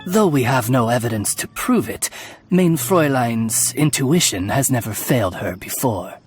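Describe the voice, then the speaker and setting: A man's voice: medium pitch, animated, normal speed, loud music behind the voice, close to an everyday voice. A man voicing a refined, deferential attendant to a princess in a video game, speaking with butler-like formality. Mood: polite, composed. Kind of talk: video game character acting.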